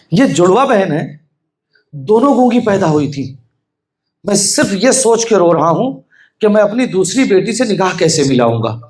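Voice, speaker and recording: Male preacher for a mourning sermon. High voice that swoops widely, hushed in the telling and shouting the key lines, with constant calls for attention. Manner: impassioned, swings from hushed storytelling to shouted emphasis; keeps urging listeners to pay attention. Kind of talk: Shia majlis sermon.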